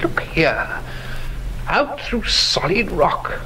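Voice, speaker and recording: In a horror audio drama, an actor plays a curious, skeptical gentleman antiquarian who muses aloud while inspecting things, erudite, exclamatory, and fascinated. His voice is on the high side with wildly swooping pitch and drawn-out words, heavily acted over a noisy background.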